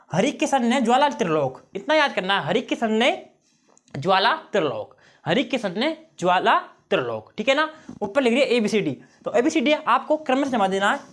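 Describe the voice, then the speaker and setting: A man's voice: extremely high pitch, a bit bright. A male teacher giving an exam-prep lesson on memory tricks, often checking in with his students and repeating key phrases.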